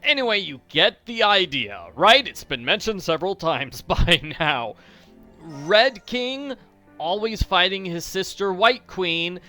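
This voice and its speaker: A man's voice: sits high, sing-song, a little slow, few pauses, sharp tone, soft background music. A man hosting a game walkthrough with casual, playful, jokey commentary.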